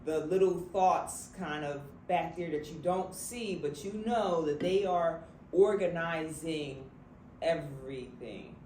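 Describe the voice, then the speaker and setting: A relaxed man co-hosting a book club, thinking out loud in casual chat. His voice sits fairly high. The room is echoey with faint noise behind him. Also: slow. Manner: relaxed and thoughtful, with light laughs.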